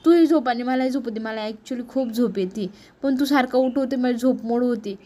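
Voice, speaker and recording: Cranky sleepy young wife, snappy and fed up, kinda high voice, as a lady reads her lines. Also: a little fast, mellow, close to an everyday voice. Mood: irritated. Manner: snappish, exasperated, pleading for sleep.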